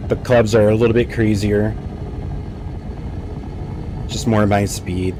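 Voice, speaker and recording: A young American man, a native English speaker, streams a game from home and rambles through animated anecdotes in casual chat over a headset mic. His voice is lowish and slow, with a noisy background.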